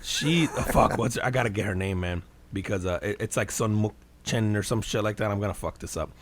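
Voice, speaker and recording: A man's voice: fairly low pitch, brisk. An American man hosting a podcast in casual, profane banter, talking like a frat bro with lots of slang. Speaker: podcast host.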